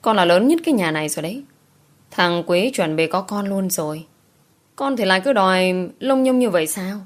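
A woman's voice: medium pitch, lively intonation, normal speed, close to an everyday voice. A woman reading as a stern country mother. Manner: firm, scolding.

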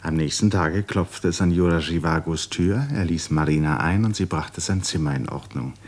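At a normal pace, a very deep-voiced man narrates a radio play, reading from scripted literary prose.

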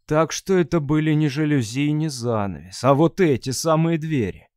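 A man voicing an excited male radio operator on a crew who exclaims, read as an audiobook character. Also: fairly high pitch, moderate pace, clear, resonant tone, dry recording, clean studio sound, natural voice. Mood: matter-of-fact.

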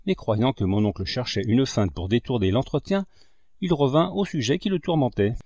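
A man narrating a novel as an audiobook, in an expressive, dramatic storytelling voice. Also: mid-range voice, moderate pace, no echo. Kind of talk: audiobook reading.

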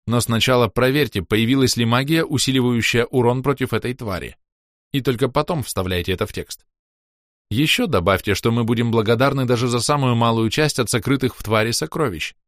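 A man narrating a first-person fantasy audiobook in a lively, expressive way. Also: medium pitch, brisk, dry recording, studio quality.

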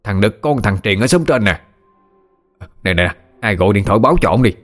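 A man's voice: lowish voice, animated, a little fast, soft background music. A man voicing an alarmed, flustered middle-aged village man, in a read-aloud ghost story. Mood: urgent. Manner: urgent, flustered.

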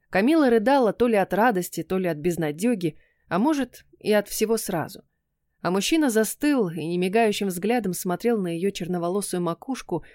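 A woman narrating an audiobook in first person, with expressive storytelling. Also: medium pitch, no echo, clean studio sound.

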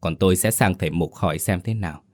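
A man's voice: deep voice, fast talker, darkish tone, natural voice. A man voicing an elderly village mother in a ghost story audiobook, stammering and wailing in a raised voice. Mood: firm.

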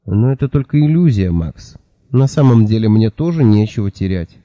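A sharp-tongued, irritable elf-like young woman from a fantasy audiobook speaks in a snappish way, voiced by a man reading her lines. The voice stays dark and somewhat low. The recording is slightly dull and dry. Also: lively intonation, moderate pace, no room sound, close to an everyday voice. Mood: brooding.

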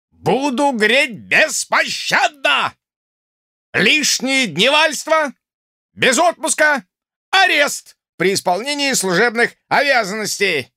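Man voicing a stern drill officer, barking commands, bright tense voice, very lively delivery. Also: high-pitched, no room sound, clean studio sound, pitched above the performer's own voice, heavily acted. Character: stern sharp-tongued male army drill officer.

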